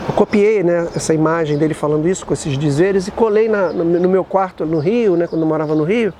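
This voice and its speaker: Lively man telling stories. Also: on the high side, brisk, slight background noise. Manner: animated, colloquial, many restarts and tag questions. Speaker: vlogger sharing recovery reflections. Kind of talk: casual spoken reflection.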